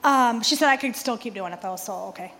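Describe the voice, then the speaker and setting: A woman pastor in her forties giving an animated sermon with self-deprecating humor. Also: a little high, a little fast, big-room sound, slight background noise.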